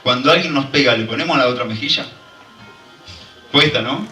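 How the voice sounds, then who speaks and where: A man's voice: mid-range voice, normal speed, sharp tone, reverberant, distant mic, faint music behind, rough recording. A man preaching a fervent sermon and drawing call-and-response from the congregation. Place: church hall.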